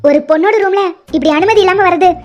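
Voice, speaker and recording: A woman's voice: very high-pitched, fast talker. A woman playing an angry young mother who scolds and rejects the man who wronged her. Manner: scolding, exasperated. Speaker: female lead. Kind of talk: animated love-story dubbing. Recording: dull lo-fi audio with faint music.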